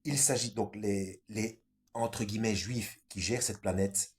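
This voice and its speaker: A man's voice: fairly low pitch, steady tone, unhurried. A man reads passages aloud on his own channel in a middle-range voice. He keeps stopping for offhand remarks, full of hesitation sounds and little tag questions. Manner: loose, with many fillers and tag questions. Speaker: channel host. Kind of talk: reading texts aloud with spoken asides.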